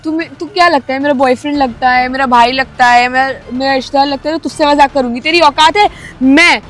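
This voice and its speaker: A woman's voice: sits high, fairly even intonation, fast, fairly bright tone, soft background music. A woman playing an arrogant young company manager who scornfully mixes English words into her speech. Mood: contemptuous.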